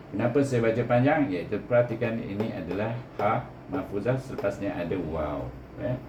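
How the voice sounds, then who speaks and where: A man's voice: on the low side, narrow, tinny audio. A man with a Malaysian accent teaching Quran reading step by step, over-enunciating syllables in a didactic way and often tagging points with a short "eh". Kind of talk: step-by-step recitation lesson. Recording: echoey room with background noise.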